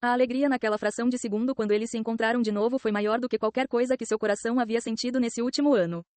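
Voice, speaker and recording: A woman with a Brazilian Portuguese accent narrating a novel in a steady, even reading. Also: a little high, racing, dry recording. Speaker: audiobook narrator.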